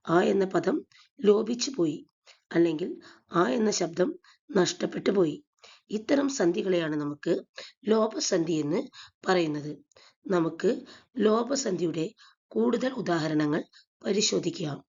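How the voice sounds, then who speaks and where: A woman teaching a grammar lesson for exam preparation. She speaks slowly and deliberately, in a slightly low, gravelly, husky voice, and repeats each example. The recording sounds dull and lo-fi. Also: animated, a little mellow.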